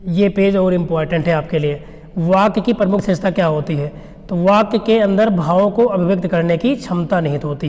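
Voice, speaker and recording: High-voiced man teaching in a reverberant room. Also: a little mellow. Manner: explains by asking and answering his own questions. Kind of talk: exam revision lecture.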